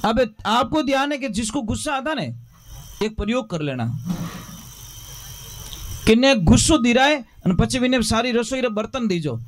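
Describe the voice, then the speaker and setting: Male preacher, Rajasthani accent, high voice, folksy storyteller with dialect asides. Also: expressive, measured pace, pauses often, slight background noise. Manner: folksy and humorous, switching into local dialect for characters. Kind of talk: storytelling sermon.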